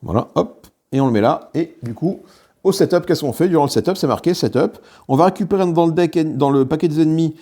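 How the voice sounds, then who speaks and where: A man whose mellow voice sits a little high talks slightly fast as he guides viewers through a solo board game playthrough on his channel. He handles the components while going over the card rules, often using fillers and restarts.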